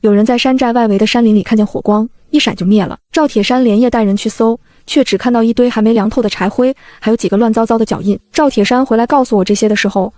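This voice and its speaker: A woman narrating a dramatic first-person story in a brisk, vivid storytelling manner. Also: fairly high pitch, steady tone, mellow, dry recording.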